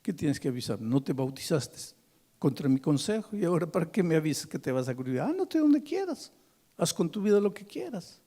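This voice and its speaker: A man's voice: mid-range voice, fairly even intonation, a little slow, slightly rough. A man preaching, acting out a grieving father who lashes out bitterly and begs through tears. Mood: bitter, scornful. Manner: bitter shouting, then sobbing pleas. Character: grieving angry middle-aged father.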